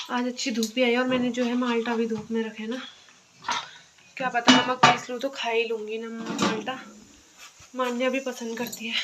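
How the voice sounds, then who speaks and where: A woman's voice: fairly high pitch, very noisy. A young woman and mother chatting casually to her viewers, giving a running commentary on her household chores. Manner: addresses viewers as guys. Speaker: home vlogger and mother. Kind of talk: casual vlog chat.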